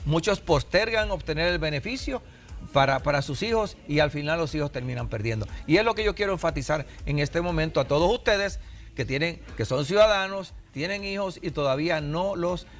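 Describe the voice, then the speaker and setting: A man's voice: fairly high pitch, animated, fairly quick. A Puerto Rican man in his sixties, an immigration adviser on a TV interview, explaining patiently with examples. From Puerto Rico.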